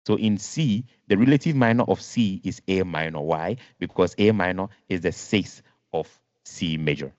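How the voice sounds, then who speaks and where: A man's voice: low-pitched, moderate pace, darkish tone, dry recording. A man teaching a music lesson online, patient, repeating and rephrasing, counting notes aloud. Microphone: video call. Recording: dull lo-fi video call audio.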